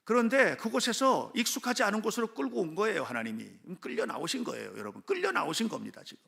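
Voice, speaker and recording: A male pastor preaching a sermon in a church, speaking straight to the congregation and rising to shouts at his high points. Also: wildly swooping pitch, fast talker, vocal fry. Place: church sanctuary with a gathered congregation.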